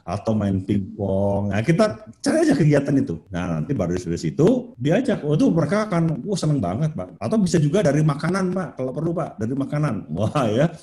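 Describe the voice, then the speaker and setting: Man, lively swinging pitch, mellow tone, explanatory talk, acts out quotes. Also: brisk. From Indonesia. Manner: animated, acts out parents and children in quotes. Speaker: hypnotherapist answering questions.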